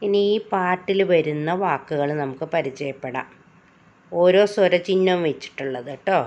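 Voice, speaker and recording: A woman's voice: on the low side, moderate pace, darkish tone. A woman teacher patiently explaining letters to children, step by step. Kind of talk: children's reading lesson. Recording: lo-fi recording.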